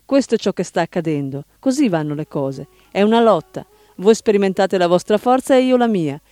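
A man voicing an elderly spiritual teacher who speaks emphatically and rises to sudden shouts. He reads the lines into a story. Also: high voice, lively intonation, a little fast, no room sound. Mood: insistent. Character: elderly male spiritual teacher, firm and insistent.

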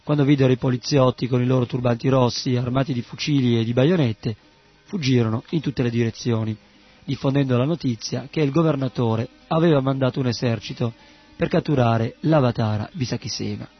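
A man giving scripted narration of a story in an even, steady way. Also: medium pitch, fairly quick, husky, muffled recording, soft background music.

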